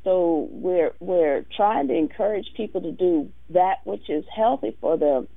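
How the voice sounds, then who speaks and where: An American woman with a raspy, sandpapery voice, hosting a conversational call-in radio show in a halting, reflective way. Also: lowish voice, lively intonation. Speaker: radio talk show host. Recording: muffled, roomy phone-like radio sound.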